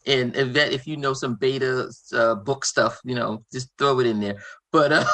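A woman's voice: a bass voice, moderate pace, a bit bright. A woman with a Boston accent chatting casually and emphatically as a panelist in a fan discussion. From Boston, United States.

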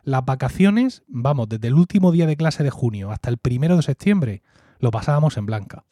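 A Murcian-accented podcast co-host from Murcia, Spain, chats casually, sharing fond and reflective anecdotes and often tacking on "¿no?" as a question. His medium-pitched voice is warm, expressive and brisk. The sound is clean studio audio with no room sound.

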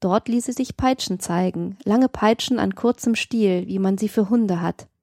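A woman narrates an audiobook with a measured, even delivery. Her voice is warm and mellow, recorded close and dry with no room sound. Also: medium pitch, no room sound. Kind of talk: scripted narration.

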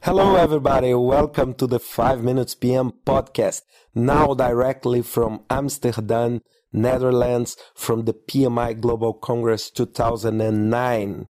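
Podcast host, man, from Brazil: hoarse with a cold, low-quality audio stream, dry sound, halting delivery with fillers. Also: fairly even intonation, a little mellow, dry recording. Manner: halting, with repeated words and fillers. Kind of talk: conference report podcast.

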